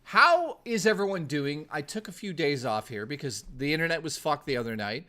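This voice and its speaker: A male live streamer with a bright, forceful voice pitched a little high, talking casually to his chat. He jokes, swears freely and teases the people in it. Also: sing-song, moderate pace. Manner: profane, joking, teasing; reads and answers chat.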